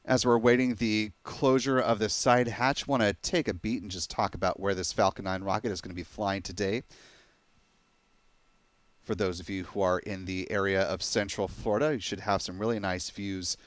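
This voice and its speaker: A man's voice: fairly low pitch, fairly even intonation, moderate pace, no room sound. A man giving explanatory live commentary on a rocket launch webcast.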